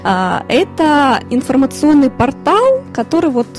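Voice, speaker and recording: A woman in her thirties from Ukraine, a lawyer and consultant, answering interview questions in a measured way with fillers. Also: high-pitched, sing-song, soft background music. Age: 30s. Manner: measured, listing things with fillers.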